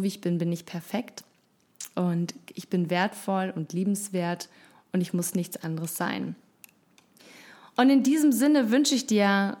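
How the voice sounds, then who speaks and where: A woman's voice: mid-range voice, a little mellow. A woman hosting a casual motivational self-help talk, frank and encouraging, with blunt swear words. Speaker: self-help podcast host.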